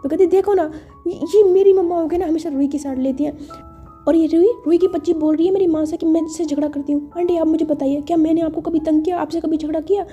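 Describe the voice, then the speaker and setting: A woman's voice: very high voice, steady tone, quick pace, mellow, muffled recording, soft background music. A woman telling a story casually, retelling each scene and voicing the characters' lines herself. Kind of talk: casual storytelling narration with voiced dialogue.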